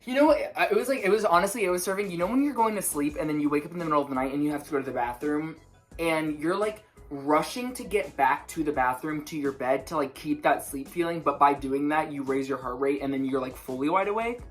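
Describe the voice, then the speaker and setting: A young woman with a slight lisp, chatting to camera at home in a rushed, rambling way, often stumbling over her words, with faint music behind her. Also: low voice. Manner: rushed, rambling, self-interrupting, stutters. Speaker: musician vlogger. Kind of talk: casual chat to camera.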